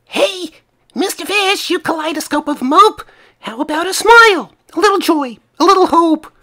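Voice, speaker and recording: Man putting on a high, chirpy female sea creature. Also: animated, normal speed, sharp tone, full character voice. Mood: pleading.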